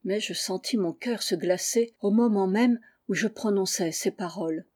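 A woman audiobook reader with a medium-pitched, darkish voice narrates a classic story in the first person. Her moderate pace carries a tense, feverish edge.

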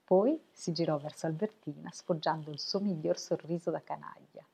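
A woman reading a novel aloud for web radio, steady and unhurried. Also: deep voice, vocal fry, slightly rough. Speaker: volunteer reader.

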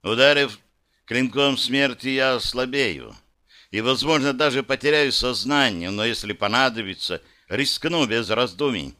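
A man's voice: mid-range voice, measured pace, pushed and bright. A man narrating a first-person fantasy audiobook with dramatic, vivid storytelling.

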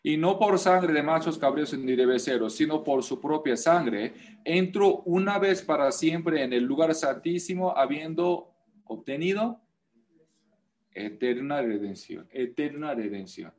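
Guy preaching a sermon, slow, lifts to loud emphasis, keeps asking the crowd questions. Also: fairly high pitch. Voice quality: animated, rising to loud emphasis. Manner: non-native Spanish, emphatic repetition, rhetorical questions. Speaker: pastor.

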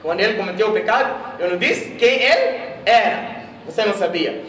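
A man's voice: sits high, lively intonation, brisk, fairly bright tone, a little hiss or hum. A man from Mozambique preaching a sermon in a mosque hall, telling a story and questioning his audience. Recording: echoey room, voice from a distance.

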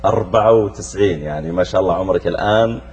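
A middle-aged Saudi Arabian preacher hosting a show for young people races along in a low, slightly mellow voice, speaking to them directly and posing questions. The audio is dull, with slight background noise.

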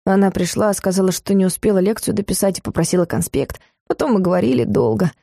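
A woman's voice: medium pitch, animated, quick pace, gravelly, mellow, no echo, studio quality. A woman reading a hesitant, defensive young son. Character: embarrassed young adult son, defensive and stubborn.

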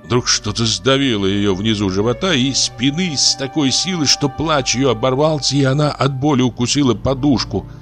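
A man narrating a literary story in a measured, expressive reading. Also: medium pitch, faint music behind. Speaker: audiobook narrator.

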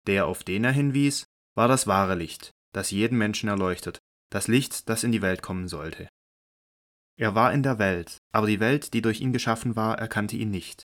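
In a very deep but fairly bright voice, a man reads scripture in a measured, solemn way. It is scripted narration for a biblical radio drama.

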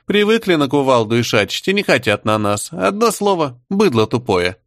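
A man's voice: medium pitch, very animated, moderate pace, no echo, clean studio sound, voice pushed up. A man voicing a glum, crude young clan woman who sighs and complains, in an audiobook reading. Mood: gloomy. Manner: sighing and crude.

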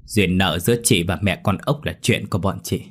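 A male narrator playing an icy young wife who refuses a plea with calm, measured detachment. The voice stays low and husky, slow and unmoved, like a line in a spoken horror story. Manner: cold, flat, measured. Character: cold, detached young wife, icily dismissive.

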